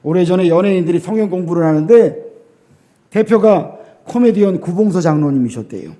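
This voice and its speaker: A middle-aged man preaching a sermon as a pastor in a church, emphatic, with rhetorical questions to the congregation and sudden drops to a quiet voice. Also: expressive, fairly quick. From South Korea. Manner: swings between loud emphasis and low, quiet lines.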